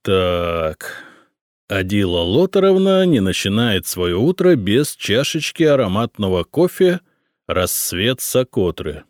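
A man reading an audiobook, voicing a gruff, irritable middle-aged emperor who grumbles and barks at his servant. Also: on the low side, very animated, slow pace, no room sound, clean studio sound. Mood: grumbling. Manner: barking, exasperated outbursts.

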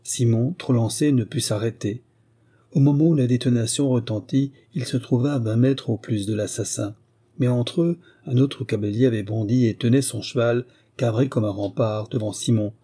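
Male audiobook narrator, mellow, slightly husky tone, steady storytelling delivery. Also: medium pitch, normal speed. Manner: steady storytelling, lifting his voice for the characters' exclamations. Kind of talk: scripted narration of a classic novel.

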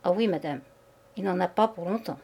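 A woman voicing a stout, slovenly middle-aged maid who talks bluntly and haltingly. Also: on the low side, creaky, dark tone, husky.

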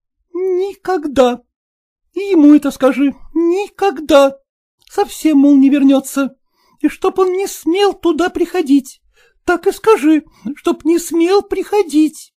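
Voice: slow, dark tone. A reader voicing a proud, offended young wife who answers curtly and coldly, in a storybook reading. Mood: upset. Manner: cold, curt, then shrill.

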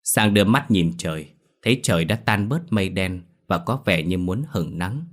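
A man narrating a ghost story audiobook in a steady storytelling manner. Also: sits low, normal speed.

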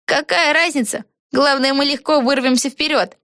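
An eager, bouncy young girl witch, as a woman reading a storybook puts her on. She speaks up high in quick, chatty phrases. The recording is dry and close. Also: a bit bright, no room sound.

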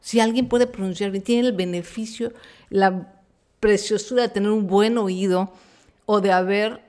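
A woman's voice: mid-range voice, steady tone, unhurried, darkish tone. A middle-aged Mexican woman with a Mexican accent, hosting a podcast in a frank, chatty monologue full of slang and fillers. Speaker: podcast host. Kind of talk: casual chat monologue.

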